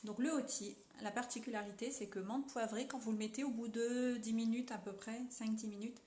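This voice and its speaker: A woman's voice: on the high side, steady tone, fairly quick, dark tone, reverberant, slight background noise. A young French woman chatting casually as she sells makeup on a live stream, upbeat and full of fillers.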